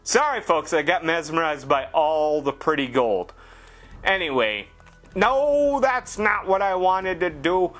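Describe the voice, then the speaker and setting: A man's voice: a little high, animated, unhurried, fairly bright tone, soft background music. A man giving casual gameplay commentary, rambling and sarcastic with heavy swearing.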